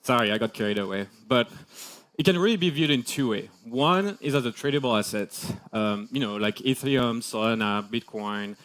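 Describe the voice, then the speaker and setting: A man's voice: mid-range voice, normal speed, fairly bright tone. A man with a French accent presenting a scripted keynote on stage, bantering playfully with his co-presenters. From France. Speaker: crypto executive presenter.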